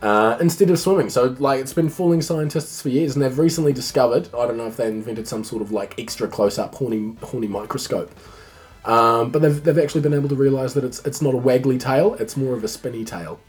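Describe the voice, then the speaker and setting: A man's voice: mid-range voice, brisk. A man with an Australian accent chatting casually and jokily as a podcast host, in a blokey way. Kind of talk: casual comedic chat.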